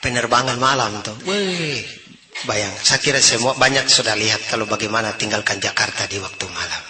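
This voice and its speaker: A man with a Papuan accent telling funny folk stories, lively and jumping into characters' voices. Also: lowish voice, moderate pace, noisy background. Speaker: comedy storyteller. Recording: roomy echo.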